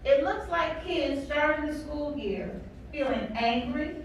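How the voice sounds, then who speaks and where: A woman leads a workshop as a counselor, pressing her points with questions to the audience. Her voice sits high. It reaches the mic from a distance, with heavy echo and faint background noise. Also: lively intonation, slow. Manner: emphatic, asks the room questions and repeats key words. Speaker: counselor leading a teacher training. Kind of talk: workshop talk to a live audience. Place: large echoey room with an audience. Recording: echoey hall from far off.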